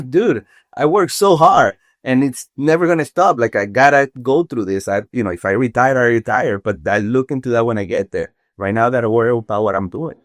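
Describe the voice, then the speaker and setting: A Venezuelan contractor in his forties, a guest on a podcast, thinks aloud in casual interview talk, halting and thoughtful with many restarts. His mid-range voice comes through a dry, clean studio recording.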